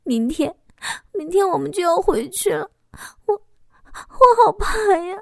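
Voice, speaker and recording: A woman's voice: very high voice, animated, takes it slowly, creaky, a little mellow, no room sound, studio quality, pitched above the performer's own voice, heavily acted. A woman voicing a married woman torn by guilt, crying and stammering her pleas. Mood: tearful pleading.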